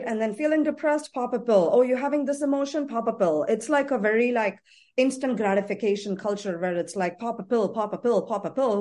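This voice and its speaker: A woman's voice: mid-range voice, a little mellow. A woman therapist in a podcast conversation, talking earnestly and repeating phrases for emphasis.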